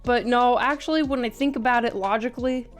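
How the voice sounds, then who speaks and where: A woman with a fairly high voice and a fairly quick pace chats informally on an art livestream, reading out viewer comments in a giggly, self-deprecating way. Music plays in the background.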